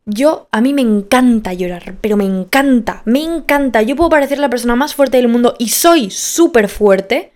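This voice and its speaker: A woman's voice: on the high side, a little mellow. A nineteen-year-old woman hosting a podcast, talking candidly and emphatically in a casual motivational monologue, repeating phrases for stress. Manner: candid and personal, self-deprecating. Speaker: podcast host.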